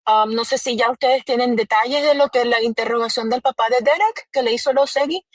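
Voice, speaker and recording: A woman's voice: on the high side, a little fast, dry recording. A woman recounting events in a live audio chat, hesitant with many fillers, acting out quoted dialogue. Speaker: guest reporting on a trial.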